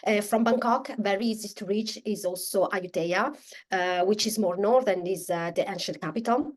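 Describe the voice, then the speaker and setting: A woman, speaking as an interview guest in a casual, halting way with many restarts and fillers. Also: mid-range voice. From Italy.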